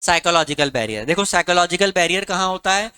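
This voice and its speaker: A man's voice: high-pitched, lively intonation, fast, pushed and bright, clean tone, low-quality recording. A male commerce teacher from Rajasthan, lecturing a classroom of students and firing repeated questions at them while mixing Hindi and English. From Rajasthan, India.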